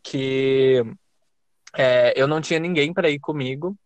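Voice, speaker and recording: A young man with a Brazilian Portuguese accent, hosting a podcast and telling a lively, self-mocking story with casual swearing. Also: medium pitch, measured pace, clean tone, no echo. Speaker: podcast host.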